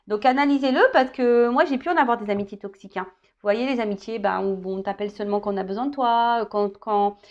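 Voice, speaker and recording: A woman in her thirties chats her way through a tarot guidance reading, joking and tagging her phrases with little asides. Her voice sits fairly high. The recording is dull and lo-fi. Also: fast, darkish tone. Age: 30s. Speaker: tarot reader. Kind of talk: casual tarot guidance chat.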